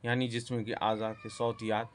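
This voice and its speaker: A man giving a spoken lesson on speech sounds, pausing often, correcting himself and dropping in English terms. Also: mid-range voice, little pitch movement. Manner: halting, self-correcting, mixes English terms. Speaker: teacher. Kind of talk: spoken lecture on phonetics.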